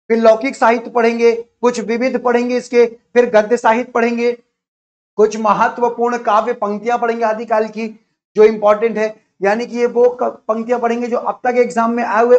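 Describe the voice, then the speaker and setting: High-voiced man teaching a lecture. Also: lo-fi sound. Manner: repetitive, explanatory, enumerating topics. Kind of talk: online exam-prep lecture.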